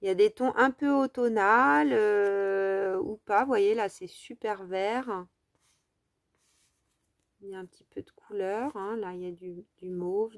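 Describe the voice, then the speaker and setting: Casting note: woman, mid-pitched, chatty haul vlogger, easily delighted, lots of fillers. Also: creaky, no room sound. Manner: chatty, enthusiastic about small items, lots of fillers. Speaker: craft vlogger showing a haul. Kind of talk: casual haul vlog, showing items to camera.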